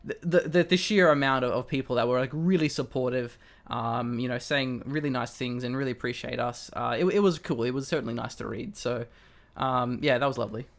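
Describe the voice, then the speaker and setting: A man's voice: mid-range voice, fairly quick, creaky. A young man with an Australian accent, co-hosting a casual chat over a webcam, rambling with many restarts and fillers. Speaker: co-host.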